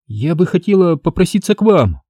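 A stubborn, whiny teenage girl begging for a place on the team, as a man voices her. Her voice sits high and jumps around as she pleads. It is an audiobook read in a dry, close booth. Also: big pitch swings, fairly quick, dark tone, no echo. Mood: pleading.

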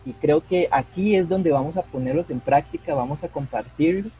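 The audio is poor, but this young Costa Rican co-host's voice sounds mellow, a little high and normally paced. A mycologist chatting casually on a podcast in Costa Rican-accented Spanish, he speaks earnestly, often repeats words and keeps saying "¿verdad?".

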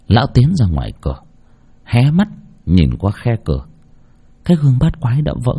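A man's voice: mid-range voice, dark tone, breathy edge. A man telling a horror story with dramatic, tense delivery. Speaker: narrator.

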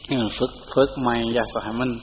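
A middle-aged man with an Isan accent, a Buddhist monk giving a sermon and breaking into Pali chanting to show how it should sound. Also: fast talker. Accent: Isan (northeastern Thai). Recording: dull lo-fi hall recording with faint hum.

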